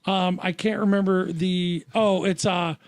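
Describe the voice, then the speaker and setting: A man co-hosting a casual podcast chat, joking and rambling with quick laughs. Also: sits high, steady tone, dry recording, studio quality. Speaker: podcast co-host.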